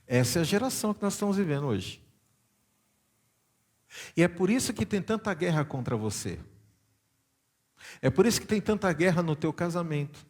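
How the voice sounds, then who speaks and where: A São Paulo bishop preaches a sermon in church, his high, lively voice moving at a moderate pace with frequent pauses and a slightly mellow quality. He reads scripture aloud, then stops to explain it and question the congregation, speaking with a Brazilian Portuguese São Paulo accent.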